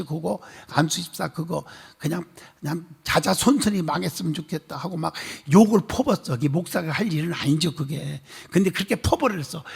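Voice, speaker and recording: Male pastor, sermon storytelling, high expressive voice, husky, calls for amens, church hall reverb. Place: church sanctuary.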